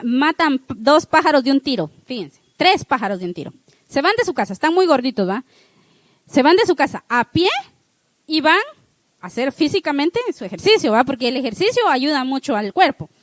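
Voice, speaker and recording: Middle-aged woman, high voice, preacher with a homely, lively delivery, close dry sound. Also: no room sound. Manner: lively, homely, with frequent "¿sí?" check-ins. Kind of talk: church talk to a congregation.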